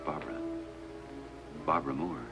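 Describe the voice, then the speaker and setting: A man's voice: very deep voice, moderate pace, gravelly. An actor playing an earnest male hospital chaplain who asks polite, persistent questions in a 1950s TV drama. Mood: gentle. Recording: dull lo-fi 1950s TV soundtrack with music.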